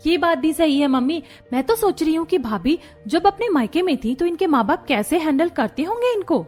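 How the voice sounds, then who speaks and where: Woman doing a bratty teasing cartoon sister-in-law, higher pitch. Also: big pitch swings, fairly quick, a little mellow, faint music behind. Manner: snide, teasing.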